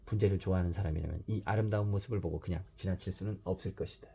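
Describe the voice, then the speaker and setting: A father reading a children's storybook aloud at bedtime, in a steady narrating voice. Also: sits low, rapid-fire, vocal fry, breathy edge.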